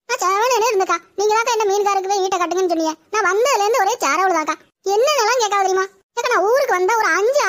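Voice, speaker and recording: A woman's voice: extremely high pitch, a bit bright. A woman doing a timid young village woman. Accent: Tirunelveli Tamil. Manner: pleading, plaintive.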